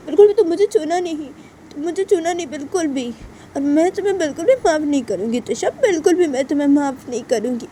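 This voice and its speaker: A woman's voice: sits high, mellow, slight background noise, voice pushed up. A woman voicing a hurt young woman who cries and scolds with repeated questions. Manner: sobbing, repetitive scolding questions. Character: hurt, tearful young woman, angry and unforgiving.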